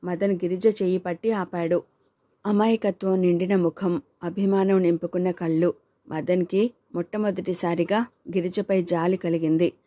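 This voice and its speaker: Female audiobook narrator, mellow, dry booth sound, voices the dialogue herself. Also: on the low side, fairly even intonation, normal speed, dry recording. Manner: reads all characters, male and female, in her own voice.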